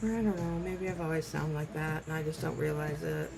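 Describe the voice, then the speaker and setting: A woman with a rough, raspy smoker's voice gives a casual, rambling, self-deprecating hands-on tutorial as an amateur host. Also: sits low, little pitch movement, brisk, over music. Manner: rambling, self-deprecating, loses train of thought.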